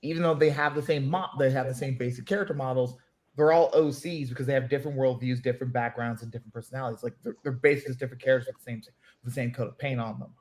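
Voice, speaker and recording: Animated ranting man. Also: medium pitch, racing. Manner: animated, ranting, many restarts. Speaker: podcast co-host. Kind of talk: casual chat.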